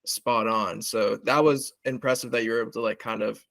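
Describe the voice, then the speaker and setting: A man's voice: medium pitch, fairly even intonation, quick pace, vocal fry, a bit bright, no echo. A man interviewing a voice actor, casual and laid-back, saying "like" often. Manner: laid-back, many "like" fillers. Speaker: interviewer, project maker.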